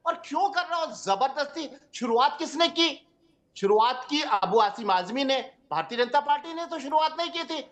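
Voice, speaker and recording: Male debate panelist whose voice runs high for a man, combative and accusatory. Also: expressive, moderate pace, a bit bright. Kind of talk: TV debate argument.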